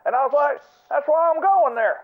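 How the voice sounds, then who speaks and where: A man's voice: very high-pitched, expressive, a little fast. A man putting on a cheerful, clueless caller who rambles obliviously and chuckles, heard as a voicemail over a phone line. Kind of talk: comedic prank voicemail.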